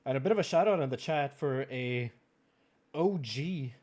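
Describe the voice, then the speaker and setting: A man with a French Canadian accent hosting a racing league draft, chatty and quick to laugh, with plenty of fillers. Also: mid-range voice, animated, darkish tone. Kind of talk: live-streamed draft commentary.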